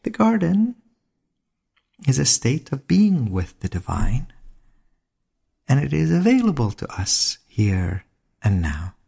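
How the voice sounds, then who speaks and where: A man giving a slow, reflective spiritual talk on mysticism, with deliberate phrasing and dramatic pauses. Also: medium pitch, wildly swooping pitch, gravelly, warm tone, breathy edge. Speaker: lecturer on mysticism.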